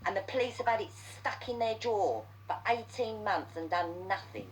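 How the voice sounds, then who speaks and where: A woman's voice: medium pitch, animated, normal speed, a little hiss or hum, rough recording. A woman in a heated, sweary ranting monologue, stumbling over repeated words as she gets worked up.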